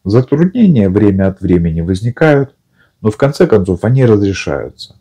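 A male audiobook narrator reads calmly in an even, storytelling manner. His voice sits low and mellow with a slightly husky grain. He keeps the telling steady throughout. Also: normal speed. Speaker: audiobook reader.

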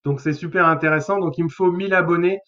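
A man's voice: fairly high pitch, steady tone, quick pace, a bit bright, highs cut off. A man, a therapist hosting a live webinar, talking casually with many hesitations. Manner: chatty, hesitant with many fillers.

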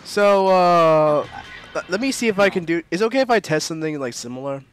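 A man's voice: a little high, lively intonation, fairly quick, smooth. A man in casual voice chat asking about game mechanics, easygoing and curious, laughing often. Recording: voice chat over loud game music.

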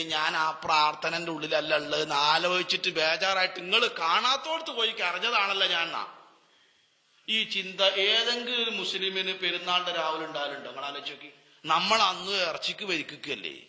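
A man preaching a Ramadan sermon, telling stories with rhetorical questions and swinging from loud to hushed. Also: fairly high pitch, in a large hall.

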